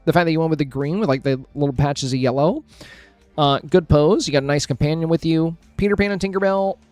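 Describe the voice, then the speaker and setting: A man's voice: a little high, fast talker, a little mellow, no room sound, faint music behind. A man streaming a casual review of game screenshots, friendly and thinking aloud with plenty of fillers and restarts. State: hiccuping, with a headache.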